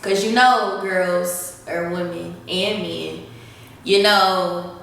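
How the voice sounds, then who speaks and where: A woman's voice: on the low side, fairly even intonation, extremely slow, creaky, fairly bright tone, a little hiss or hum. A woman, chatting casually and giggling while she answers follower questions beside her partner. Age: 20s. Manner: chatty, giggly, says y'all. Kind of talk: casual chat. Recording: echoey room, mic at a distance.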